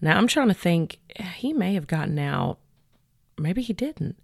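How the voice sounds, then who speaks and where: A woman hosting a podcast, retelling a case in a chatty, animated way with many fillers. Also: on the low side, measured pace, vocal fry, dry recording, studio quality. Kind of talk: casual storytelling chat.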